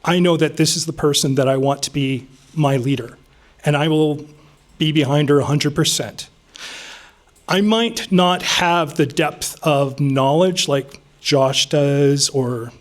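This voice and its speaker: A man in his fifties from Vancouver, giving an unscripted, earnest campaign speech to a room with frequent ums. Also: a little high. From Vancouver, Canada. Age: 50s. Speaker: city council candidate. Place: meeting room with an audience.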